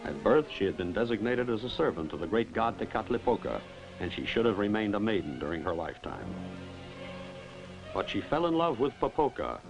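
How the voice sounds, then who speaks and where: A grave eyewitness from an old dubbed horror film. His voice is low and solemn, with sweeping rises and falls. He declaims the tale in measured phrases over clearly audible music. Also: poor audio. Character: grave male eyewitness recounting an ancient curse. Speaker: film narrator.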